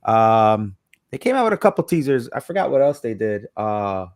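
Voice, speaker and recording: A man's voice: fairly low pitch, sing-song, moderate pace, a little mellow, no room sound, clean studio sound. A man hosting a casual live-stream chat, upbeat, greeting guests and reading comments over a video call. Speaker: host.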